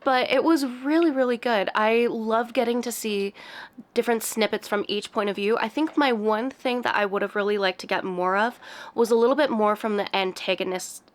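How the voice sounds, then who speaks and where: A woman's voice: fairly high pitch, normal speed. A young woman chatting casually about books she read, her voice a little off from a cold, rambling and laughing lightly. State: has a cold, voice a bit off. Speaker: book vlogger. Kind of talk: casual book review chat.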